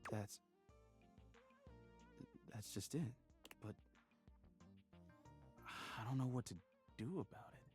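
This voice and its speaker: A man's voice: mid-range voice, takes it slowly, pauses often, darkish tone, natural voice. A man doing Henry Hoove, a chummy vacuum cleaner. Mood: wistful. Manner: upbeat, bouncy and chummy. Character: cheerful male talking vacuum cleaner, friendly and chatty. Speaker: dating game character. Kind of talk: video game voice acting. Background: game music.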